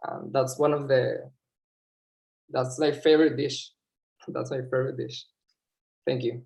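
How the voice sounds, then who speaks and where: Man, impromptu answer, hesitant, repeats words, mid pitch. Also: little pitch movement, measured pace, vocal fry, a little mellow. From Venezuela. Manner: hesitant, repeats words, searches for English terms. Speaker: club member giving an impromptu answer. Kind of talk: impromptu speech on a video call.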